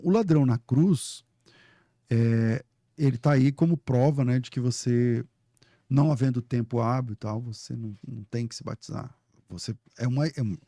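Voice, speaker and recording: Um pastor na casa dos quarenta anos, convidado de um podcast, que conta histórias de forma animada, ri e cita a si mesmo. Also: male voice, medium pitch, no echo, studio quality. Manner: animated, laughing storyteller who quotes himself. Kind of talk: casual podcast storytelling.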